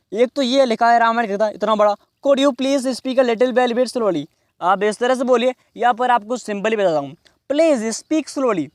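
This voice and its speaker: A man teaching in a class, explaining slowly and repeating each phrase. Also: extremely high pitch, dry recording, clean studio sound. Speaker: English teacher. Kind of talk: classroom lesson.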